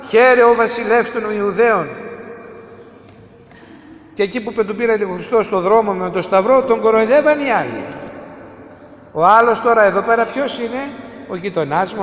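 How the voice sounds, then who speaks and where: Man, preacher, high voice, emphatic sermon, rhetorical questions, loud-to-hushed swings, long hall reverb. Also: expressive, muffled recording.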